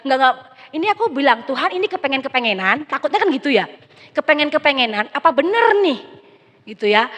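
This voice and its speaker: A young woman pastor preaches in a high, bright voice, telling her story in a lively, chatty way. Her words carry a long reverb from the big church hall around her. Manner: conversational, animated storytelling with quoted dialogue. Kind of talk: sermon with personal testimony.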